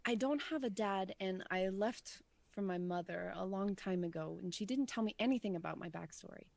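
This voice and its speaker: A woman's voice: medium pitch, normal speed, creaky, darkish tone. A woman playing a tabletop role-playing game who speaks in character in an earnest, casual, giggly way. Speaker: player.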